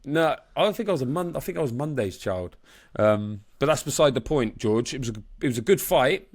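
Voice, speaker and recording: With a mid-range voice and lively intonation, this boxing reporter and podcast co-host, born in Brisbane, Australia, chats about sport fairly quickly. His manner is informal, slangy and sweary.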